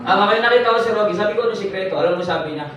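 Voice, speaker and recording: A man's voice: high-pitched, very fast, fairly bright tone, dull audio, slight background noise. A young man telling a comic story about himself to a live audience, teasing the crowd with questions. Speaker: speaker sharing his testimony. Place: event hall. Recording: echoey hall, mic from a distance.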